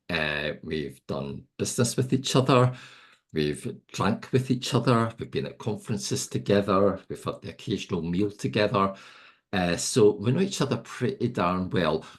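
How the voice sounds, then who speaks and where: A man's voice: deep voice, breathy edge. A middle-aged man hosting an interview podcast, chatty and jokey, poking fun at himself. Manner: chatty, jokey, self-mocking. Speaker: podcast host. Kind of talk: casual interview.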